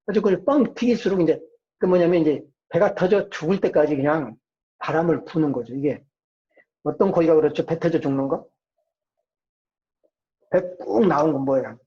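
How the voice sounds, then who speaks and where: Long pauses punctuate this informal psychology lecture by a man whose fairly high voice carries a dark tone at a moderate pace. He poses rhetorical questions and answers them himself, heard through a dull, muffled lo-fi recording.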